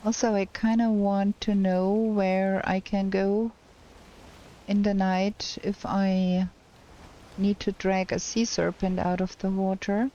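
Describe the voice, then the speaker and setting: A woman streamer chats through her gameplay at an unhurried pace, pausing to think aloud. Her voice cracks now and then because she is still unwell. The recording is dull and lo-fi, with a faint hiss behind her. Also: medium pitch, flat delivery, mellow. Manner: slow and hesitant, thinking aloud. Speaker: game streamer. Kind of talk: casual gameplay commentary.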